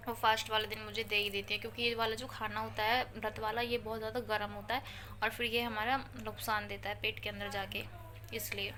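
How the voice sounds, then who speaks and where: A woman's voice: mid-range voice, bright, forceful tone. A woman in her thirties chatting casually to viewers as a home vlogger and mother, playful with her children. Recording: noisy home recording.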